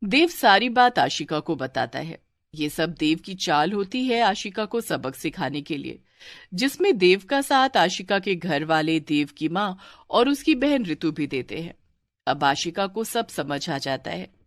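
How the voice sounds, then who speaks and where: Female storybook narrator, steady and even, dry studio read. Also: on the low side, unhurried, no echo.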